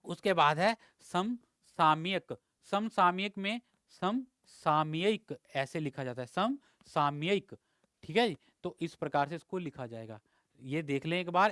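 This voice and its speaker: Male tutor, slightly high, crisp voice, dry close voice-over, patient and repetitive lesson delivery. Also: fairly bright tone, no echo. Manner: patient, repeats each word and checks with "theek hai". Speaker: exam prep teacher. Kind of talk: spelling lesson over slides.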